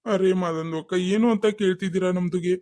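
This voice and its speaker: A man's voice: sits high, steady tone, quick pace, darkish tone, no echo, natural voice. A man voicing a meek saree shopkeeper who pleads and apologizes in broken Kannada in a cartoon comedy. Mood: pleading.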